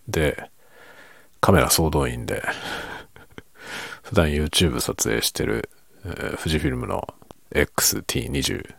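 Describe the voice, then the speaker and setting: Quiet late-night chat guy, super low husky voice, dry close sound, just rambling softly. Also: no room sound. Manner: soft-spoken, unhurried, rambling. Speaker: podcast host.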